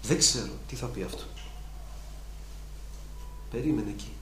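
A man's voice: lowish voice, fairly bright tone, slight background noise. A man preaching a sermon, emphatic and repetitive, building to fervent peaks. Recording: echoey room with faint ambience.

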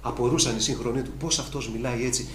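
A man's voice: medium pitch, steady tone, a bit bright, a little hiss or hum. Fervent preacher man, echoey room. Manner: emphatic, repetitive, rising to fervent peaks. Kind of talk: sermon. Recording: echoey room with faint ambience.

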